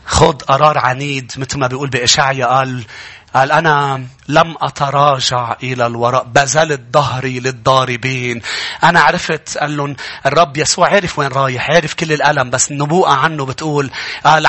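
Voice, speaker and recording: A middle-aged man with a Lebanese accent, preaching a sermon as pastor, his voice rising into shouted, drawn-out lines. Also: mid-range voice.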